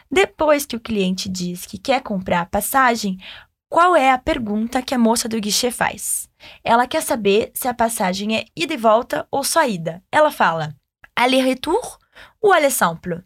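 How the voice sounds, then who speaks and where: A woman's voice: fairly high pitch, expressive, measured pace, no echo, studio quality. A woman teaching French, patiently modeling phrases for listeners to repeat. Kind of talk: language lesson with repeat-after-me drills.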